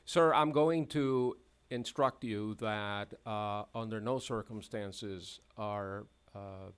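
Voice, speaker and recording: Brief: male hearing magistrate, lowish smooth voice, measured and firm, courtroom recording. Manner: measured, firm rulings with frequent "uh". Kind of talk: formal hearing proceedings. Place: hearing room.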